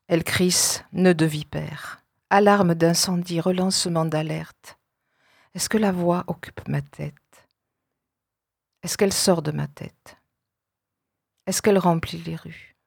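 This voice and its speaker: A woman with a lowish voice recites spoken-word poetry in a deliberate, incantatory way, breaking her lines into short fragments. The sound is dry and close, with no room around it. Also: gravelly, husky, no echo. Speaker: poet.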